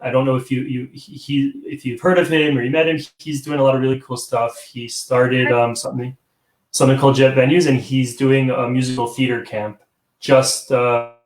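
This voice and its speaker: A man's mid-range voice, level in tone and at normal speed, comes through a video call stream with a roomy echo as he hosts a live online theater talk show. He chats casually and rambles, restarting often and chuckling.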